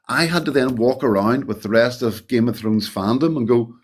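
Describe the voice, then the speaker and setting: A man, a guest telling lively behind-the-scenes stories in casual chat, swearing freely and acting out what others said. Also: mid-range voice, normal speed, breathy edge. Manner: animated, swearing, acts out quoted voices. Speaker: interview guest, former extra. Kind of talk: casual storytelling.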